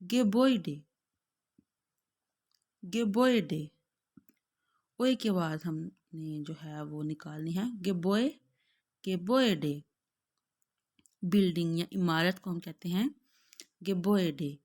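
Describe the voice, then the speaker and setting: Slow, careful Pakistani woman teacher. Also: on the low side, a little mellow. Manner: drawn-out, carefully spelled-out words, glossing each in Urdu. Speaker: German language teacher. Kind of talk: slow pronunciation lesson, repeating each word.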